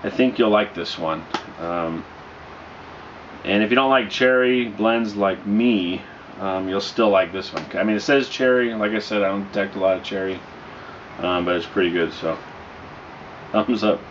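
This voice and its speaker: Guy in his 30s doing a chill halting review, lowish voice, muffled home camera sound. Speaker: pipe tobacco reviewer. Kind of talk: casual product review to camera. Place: small dim living room indoors. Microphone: camera mic at a short distance. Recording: dull, noisy home camera recording.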